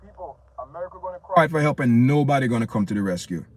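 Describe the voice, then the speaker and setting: Speaking at medium pitch with big swings in intonation, this Jamaican man talks fast. He is a livestream host with a Jamaican accent, calling his audience "people" as he delivers a passionate, preachy, opinionated rant full of repeated points.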